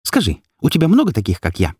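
A man voicing a jealous, furious young woman heroine who shouts sharp accusations at her lover in an audiobook story. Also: medium pitch, huge pitch swings, fast, slightly rough, no echo, clean studio sound, voice pushed up. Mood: angry.

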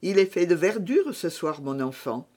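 A woman's voice: fairly low pitch, very animated, moderate pace, dark tone. Woman reading as a teasing young peasant girl. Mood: coaxing. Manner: teasing, coaxing. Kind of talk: audiobook character reading.

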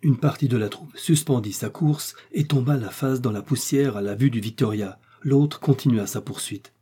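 A male audiobook narrator reads with a steady, expressive delivery. His voice is dark and warm, with a husky grain and mid pitch. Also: moderate pace.

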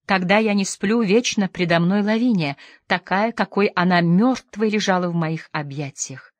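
A woman voicing a tormented, opium-addicted lady who pleads feverishly, dropping to soft murmurs and rising into sudden outbursts. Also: medium pitch, moderate pace, no echo, natural voice. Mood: dreamy.

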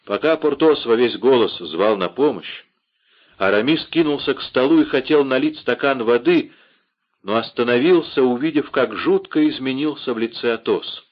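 A man narrating a classic novel as an audiobook, expressive and dramatic. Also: mid-range voice, moderate pace. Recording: dull lo-fi audiobook recording.

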